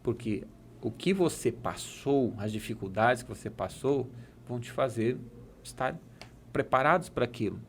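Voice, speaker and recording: Emphatic Brazilian coach telling parables. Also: male voice, medium pitch, animated, normal speed, a little hiss or hum. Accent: Brazilian Portuguese. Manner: emphatic, preachy, tells parables. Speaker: coach and speaker, podcast guest. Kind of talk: casual chat with storytelling.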